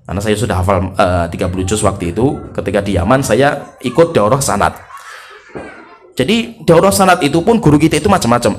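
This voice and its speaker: A middle-aged man from Indonesia preaches with lively, animated energy. His voice sits slightly higher than most men's. He repeats his points for emphasis and demonstrates pronunciation aloud. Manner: animated, repeats key phrases, imitates Arabic sounds. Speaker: Islamic preacher. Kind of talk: lively sermon lecture.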